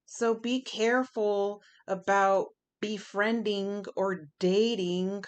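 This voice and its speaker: A woman's voice: mid-range voice, fairly even intonation, slow pace, smooth. A woman giving a chatty pick-a-pile tarot reading, emphatic and fond of repeating her phrases. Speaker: tarot reader.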